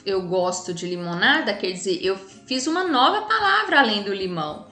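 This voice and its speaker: A woman's voice: mid-range voice, big pitch swings, moderate pace, sharp tone. A woman teacher with a Brazilian Portuguese accent, explaining a lesson casually to children and often checking with tag questions. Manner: chatty, frequent tag questions. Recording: echoey room with faint music.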